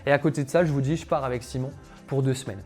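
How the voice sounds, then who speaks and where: A young calisthenics coach tells his personal story to camera, chatty and casual, full of fillers and asides aimed at viewers. His voice is mid-range and darkish, and he talks at a racing pace. Soft music plays in the background.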